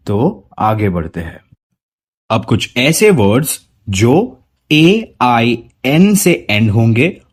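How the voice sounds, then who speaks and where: A man teaching English pronunciation as a spoken lesson, slowly repeating and contrasting words to model each sound. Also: medium pitch, slightly rough.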